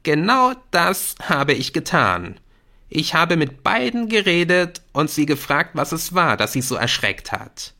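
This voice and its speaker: A man's voice: big pitch swings, measured pace, creaky, fairly bright tone, full character voice. A man voicing an anxious, insistent teenage schoolboy. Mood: worried, insistent. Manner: pleading, urgent, voice raised high. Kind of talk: audiobook character voice.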